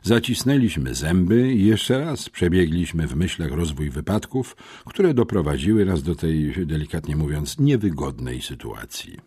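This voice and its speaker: A man narrating an audiobook for young readers in a lively, expressive storytelling manner. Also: low-pitched, moderate pace, few pauses, husky. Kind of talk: scripted narration.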